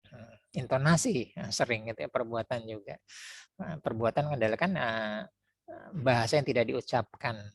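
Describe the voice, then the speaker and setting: A man's voice: medium pitch, normal speed, creaky, no echo. Hesitant male lecturer, dry sound. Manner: hesitant, many fillers and restarts; explanatory, acts out parents' voices. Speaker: NLP trainer. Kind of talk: spoken lecture.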